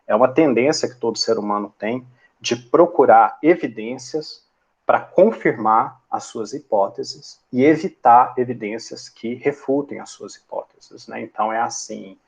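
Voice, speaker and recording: A man's voice: medium pitch, measured pace, gravelly, breathy edge. A man, teaching a class and explaining step by step, checking in with the listener often. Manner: explanatory, many tag questions like "né" and "tá". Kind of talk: lecture.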